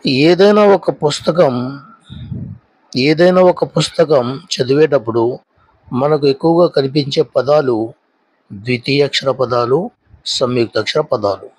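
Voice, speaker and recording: A man teaching a spoken language lesson. He explains slowly and repeats each point twice in two languages. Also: mid-range voice, dry recording, poor audio. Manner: slow, deliberate drilling of sounds. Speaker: Telugu teacher.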